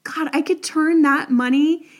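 Speaking at a measured pace with a steady, high voice, a young podcast host gives advice in a chatty, upbeat style full of "like" and "all right?". Her voice is a little crackly, as it's early morning.

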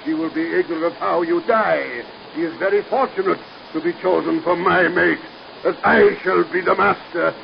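An actor playing a megalomaniac mad scientist who gloats theatrically in a 1930s radio drama. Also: male voice, high-pitched, moderate pace, vocal fry, dull audio. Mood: gloating. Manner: gloating, theatrical, rising to shrieks. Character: megalomaniac mad scientist breeding giant spiders. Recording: scratchy 1930s radio recording.

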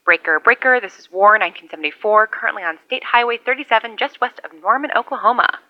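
An actress playing a lone, wry survivor rambling into a CB radio years after the collapse. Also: female voice, a little high, quick pace. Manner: rambling, wry, conversational monologue. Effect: over a CB radio. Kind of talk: audio drama radio log. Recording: muffled lo-fi radio sound.

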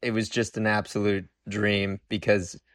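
A relaxed man chats as a podcast guest in a fairly low, easygoing voice. The sound is close and dry, with no room echo. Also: measured pace. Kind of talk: casual interview chat.

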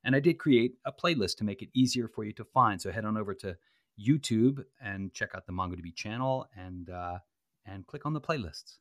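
A man hosts a podcast in a relaxed, chatty way, with a lowish voice. The sound is dry and close. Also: normal speed, no room sound. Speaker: podcast host. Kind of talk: casual podcast chat.

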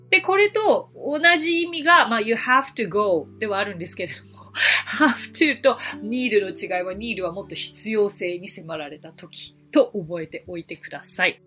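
A woman's voice: mid-range voice, bright, forceful tone. A woman hosting a podcast lesson as an English teacher, explaining things step by step in a friendly, encouraging way.

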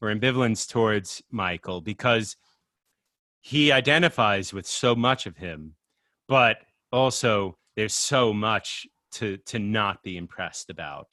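Male podcast co-host, casual and rambling, lowish voice, dry booth sound. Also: lively intonation, measured pace, sharp tone, no echo. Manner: rambling, many fillers and restarts. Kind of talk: casual chat.

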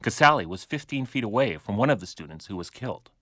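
A man hosting a radio show, reading scripted narration in a measured, even way and interviewing a guest. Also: lowish voice, slight background noise. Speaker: radio host.

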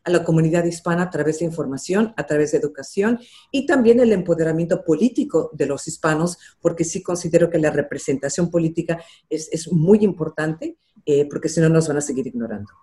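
A warm, low, expressive voice belongs to an older woman, a television journalist, who talks a little fast. As an interview guest, she reflects earnestly on her career, using some fillers along the way.

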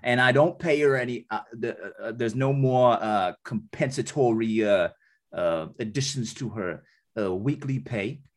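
A man playing an evasive male beauty shop owner in an improvised comedy scene, halting and full of fillers. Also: medium pitch, close to an everyday voice. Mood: hesitant.

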